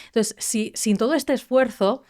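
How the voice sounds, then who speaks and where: A woman's voice: fairly high pitch, moderate pace, a little mellow. A young woman from Spain in a reflective panel conversation, often restarting her sentences and checking in with "¿no?". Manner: reflective, many restarts and tag questions. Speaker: podcast co-host.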